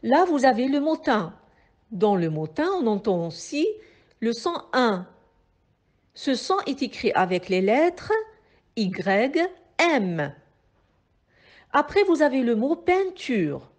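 A woman teacher with a Moroccan French accent giving a slow phonics lesson to young pupils, carefully articulating and repeating each sound. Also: fairly high pitch, very animated. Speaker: primary school teacher.

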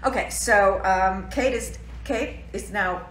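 Livestreaming from her living room on a phone at arm's length, a woman in her sixties, an actress, hosts a birthday fundraiser with chatty, self-deprecating jokes. She speaks slowly in a mid-range, slightly bright voice, and the roomy home recording has a little hiss or hum.

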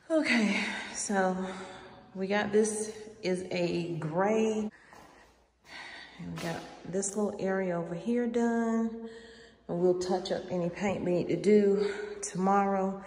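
Slow-talking woman giving a home tour. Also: lowish voice, a little hiss or hum. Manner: relaxed, chatty, walking with the camera. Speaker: home renovation vlogger. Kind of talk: casual home tour narration. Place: empty basement rooms of a house. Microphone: phone camera held while walking.

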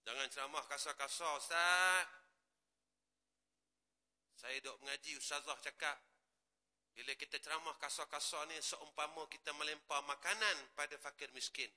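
A man with a Malaysian Malay accent preaching in a prayer hall, switching from quiet asides to loud rising exclamations. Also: on the high side, steady tone, fairly quick. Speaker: religious teacher. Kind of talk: mosque sermon.

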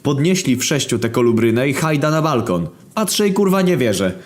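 A man narrating a comic internet story in a deadpan, profane storytelling manner. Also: mid-range voice, brisk. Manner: deadpan storytelling, heavy swearing.

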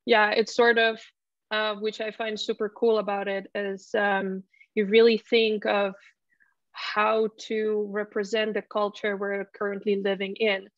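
A woman in her early twenties from Finland, a student presenting her study program on a video call, hesitant with many pauses and restarts. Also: medium pitch, level tone, no echo. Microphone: laptop mic on video call. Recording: dull, lo-fi video call audio.

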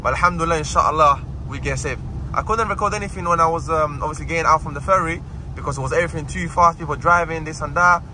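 A man's voice: on the high side, fast talker, pushed and bright. A man with a London roadman accent vlogging casually on a road trip, using heavy street slang and repeating short phrases for emphasis. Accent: London roadman, multicultural street slang. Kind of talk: casual road-trip vlog chat to viewers. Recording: noisy car and street ambience.

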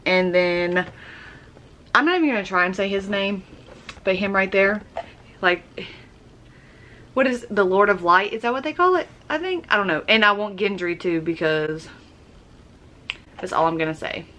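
A woman's voice: mid-range voice, a little hiss or hum. Chatty woman unboxing. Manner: chatty and excitable, quick gasps of delight. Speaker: YouTuber. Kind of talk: casual unboxing vlog.

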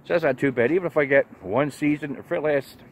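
A man's voice: a little high, fast talker, a little hiss or hum. A man vlogging about his homestead chores in a casual, rambling, plainspoken way. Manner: laid-back, plainspoken, mild cursing.

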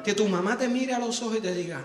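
A high-pitched man doing stand-up, storytelling with big animated acted-out bits. His voice rings through an echoey venue. Crowd noise and laughter surround him. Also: fast talker. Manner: animated storytelling, acting out whiny kids and a begging child. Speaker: stand-up comedian. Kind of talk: stand-up comedy set. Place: comedy stage before a live audience. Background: audience laughter and crowd noise.

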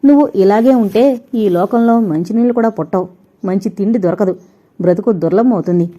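A woman's voice: mid-range voice, warm tone, natural voice. A woman doing a haughty rich young woman. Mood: scornful. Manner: haughty, cutting, quick. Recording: dull lo-fi recording.

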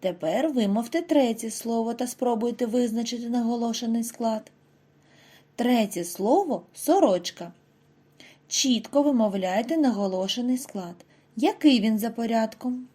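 A woman giving a scripted reading lesson to first graders, speaking clearly and stretching out example words slowly for the children. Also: a little high, dark tone. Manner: slow, over-articulated model words for children. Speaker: primary school teacher.

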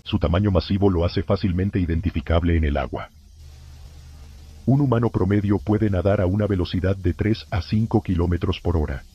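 A man plays a grave emergency broadcast announcer, reading scripted horror warnings in a solemn, formal, measured way. His deep, husky voice comes through muffled lo-fi sound.

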